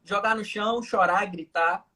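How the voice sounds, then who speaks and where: A young man with a Manaus Brazilian Portuguese accent, his voice sitting high and his pace moderate, joins a casual live video-call chat as a hypnotherapist guest. He explains his point with everyday stories while a crowd can be heard in the background.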